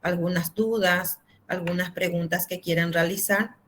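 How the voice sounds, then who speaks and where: A woman's voice: lowish voice, fairly even intonation, moderate pace, a bit bright. A woman teaching a grammar class over a video call, explaining patiently with simple examples and frequent fillers. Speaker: Spanish teacher.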